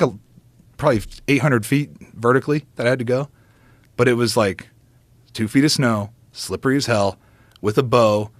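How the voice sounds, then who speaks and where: A man's voice: mid-range voice, dry recording. Guy on a podcast telling a wild story, swears a lot, dry close mic, voice in the middle. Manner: profane, excitable storyteller acting out quotes. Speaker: podcast guest. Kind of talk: animated storytelling.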